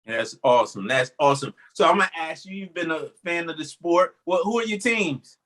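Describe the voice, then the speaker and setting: A man's voice: a little high, expressive, brisk, a bit bright, rough recording. A man hosting an interview show, asking questions in an easygoing way and often saying "all right" between them. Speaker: show host.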